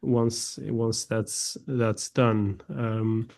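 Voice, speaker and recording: A man's voice: on the low side, fairly even intonation, drawn-out words, vocal fry, a little mellow. A man sharing his views in an online study group, hesitant with many restarts.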